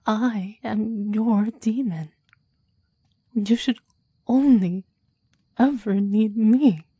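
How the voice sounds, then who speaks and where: A woman voices a possessive, devoted, clingy demon bound to a summoner in an intimate ASMR roleplay. She whispers softly and breathily in a formal, intense, adoring manner, drawing out her words at medium pitch. There is no echo.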